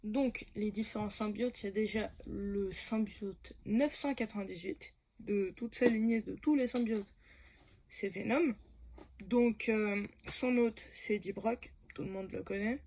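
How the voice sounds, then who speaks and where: A woman's voice: medium pitch, steady tone, a little slow, a little mellow. A woman talking casually about comics for her channel, hesitant, with many fillers, self-corrections and frequent laughs. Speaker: comics YouTuber.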